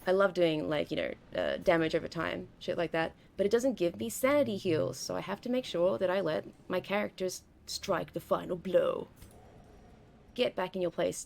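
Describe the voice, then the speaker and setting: A young woman streams a game, chatting casually and rambling as she plays, often cutting herself off mid-sentence. Her voice sits on the low side with vocal fry and a slightly mellow quality.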